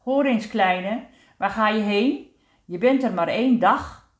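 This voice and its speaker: A woman's voice: mid-range voice, takes it slowly, roomy sound, close to an everyday voice. A woman voicing a very old, absent-minded male fern with a fussy, doting manner.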